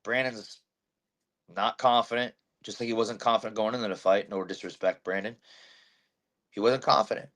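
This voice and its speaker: A man's voice: on the low side, normal speed, pauses often. A man who fights bare-knuckle, talking brashly after a bout, swearing and telling fight stories with energy. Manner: brash, swearing, animated storytelling. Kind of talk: post-fight interview.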